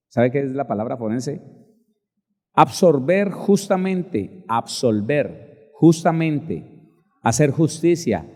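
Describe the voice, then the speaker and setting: A male pastor preaching a sermon emphatically, spelling out words slowly and addressing listeners directly. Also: medium pitch, darkish tone, big-room sound.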